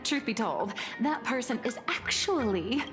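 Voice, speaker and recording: A woman's voice: a little high, lively intonation, a little slow. An actress voicing a smug, scheming woman magazine founder in a game, with a confident, teasing, theatrical delivery. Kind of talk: game voice acting. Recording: game audio with reverb and music.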